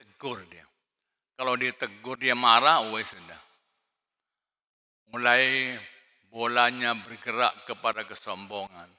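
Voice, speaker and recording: A male pastor preaching a sermon, swinging between shouted emphasis and quiet asides. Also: medium pitch, steady tone, slow, long pauses. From Indonesia. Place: large church hall. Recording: long hall reverb.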